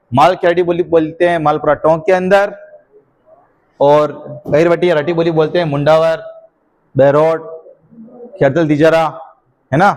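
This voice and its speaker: A man's voice: fairly high pitch, a little mellow. A teacher dictating notes in a classroom lecture, often quizzing his students with a question and then answering it himself.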